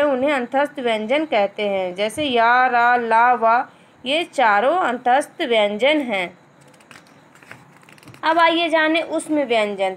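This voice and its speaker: High-voiced woman teaching a grammar lesson. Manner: explains step by step, repeats terms, slows on example words. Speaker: school teacher.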